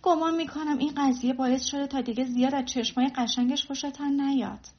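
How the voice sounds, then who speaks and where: A woman's voice: sits high, fairly even intonation, close to an everyday voice. A woman voicing a snobbish young society lady who mocks others scornfully, in a storybook reading. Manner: mocking, scornful. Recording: dull lo-fi recording.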